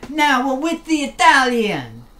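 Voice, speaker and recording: A female gaming streamer chats casually from her desk at home, joking, trying on put-on accents, and talking back to the game. Her high-pitched voice swoops wildly, runs a little slow, and has a fairly bright tone. The room sounds roomy, with a faint hum.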